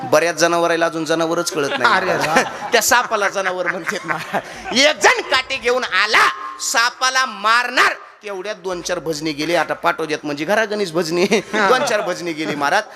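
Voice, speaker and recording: A man preaching a devotional kirtan sermon, telling a comic story, chanting and acting out the characters in lively fashion. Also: a little high, fairly quick, hardly any pauses, crowd noise.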